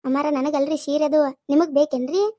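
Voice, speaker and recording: A bossy young village wife, played by a woman in a cartoon comedy, talking in a North Karnataka accent. She speaks high and quick, loud and exasperated. The sound is dry and close. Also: steady tone, dry recording, natural voice. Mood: loud, coaxing. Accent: North Karnataka Kannada. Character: busy village daughter-in-law shopping for a saree.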